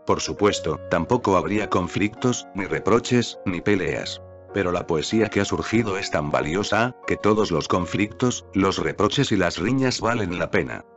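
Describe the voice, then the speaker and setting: A man reads a spiritual text aloud in a calm, measured way, his voice sitting a little low. The recording is dull and lo-fi. Soft music plays faintly underneath. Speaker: narrator.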